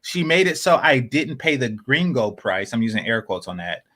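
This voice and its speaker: A man rambles through a casual podcast chat, full of fillers and restarts, often slipping into low, quiet asides. He's very animated and speaks at normal speed.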